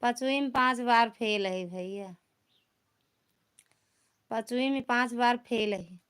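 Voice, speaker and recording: A woman's voice: on the high side, takes it slowly, a bit bright, smooth. A woman with an Awadhi accent hosting a casual live stream, bantering with viewers in a teasing, rustic way. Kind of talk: casual live chat reading comments.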